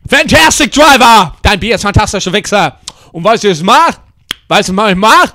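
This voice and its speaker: A man with a hoarse voice doing a rowdy, crude comedy skit, shouting and mixing English words into his German. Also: high-pitched, animated, brisk, no room sound, clean studio sound.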